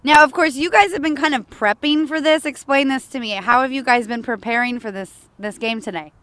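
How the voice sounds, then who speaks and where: A woman's voice: high voice, a little fast, fairly bright tone, no echo. A woman doing a chatty, upbeat live TV field report outdoors and interviewing fans. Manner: upbeat, chatty, asks questions. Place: outdoors at a stadium area.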